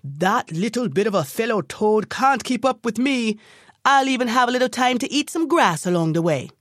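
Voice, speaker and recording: A woman reading aloud, doing a cocky storybook donkey who brays his boasts in a high, loud, lively voice. He crows about being the fastest. The voice sits close and dry. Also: no echo. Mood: scornful. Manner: braying, bragging, raised voice. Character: boastful proud male donkey racer.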